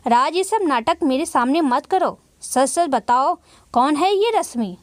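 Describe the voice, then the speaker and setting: A woman's voice: sits high, lively intonation, a little slow, no room sound. A woman voicing a suspicious, fiery young wife in a storybook reading, demanding and intense. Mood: accusing.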